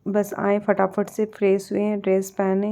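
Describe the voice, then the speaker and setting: A woman's voice: mid-range voice, completely flat delivery, moderate pace, dark tone. A young woman with a Bihari accent, chatting casually to her vlog audience in a rambling way with many fillers. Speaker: vlogger.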